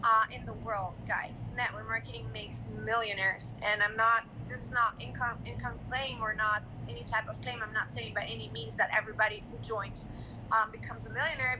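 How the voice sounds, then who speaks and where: Woman from Brazil, live-stream chat, phone mic, filler-heavy casual speech, fairly high voice, clear background noise. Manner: filler-heavy, repeats "guys" and "like". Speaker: live-stream host answering questions. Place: apartment in a hot humid city.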